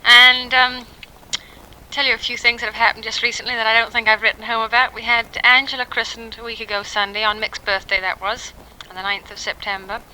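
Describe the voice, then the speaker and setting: A mother in her thirties from England talks informally to her family in a spoken letter, recorded on a 1960s home tape in a quiet house. Her voice sits a little high, level and pushed bright, and she pauses often with ums. The rough recording carries slight background noise.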